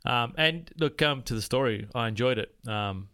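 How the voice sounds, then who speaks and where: A man's voice: mid-range voice, normal speed, pushed and bright, smooth. A man co-hosting a casual film review podcast, laid-back, laughing often and swearing casually. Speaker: podcast co-host.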